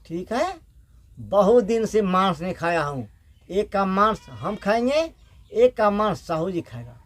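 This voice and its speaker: Man playing a boastful village simpleton, loud eager cries, slow folk-tale telling. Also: high voice, very animated, soft background music. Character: simple-minded village goat-herd youth, boastful.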